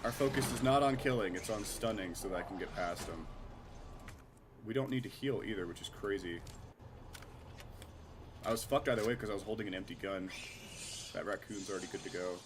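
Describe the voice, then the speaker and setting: A man with a cold talks through a game stream in a nasal, scratchy voice that sits fairly low. He is chatty, swears easily and pokes fun at himself. Steady noise hums under the recording. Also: fairly quick, long pauses. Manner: chatty, swearing, self-mocking. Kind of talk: casual live game commentary.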